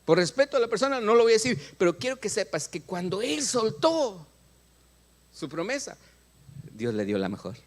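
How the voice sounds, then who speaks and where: Mexican male pastor, middle-aged, sermon voice sitting high, big swinging pitch, plays out little dialogues. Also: moderate pace. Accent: Mexican Spanish. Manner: animated, acts out prayers and dialogues, asks the congregation questions. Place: church.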